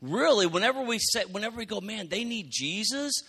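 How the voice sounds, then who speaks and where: A man preaching a sermon in a conversational, animated way, often acting out quotes. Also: high voice, fairly quick, slightly rough. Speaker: pastor.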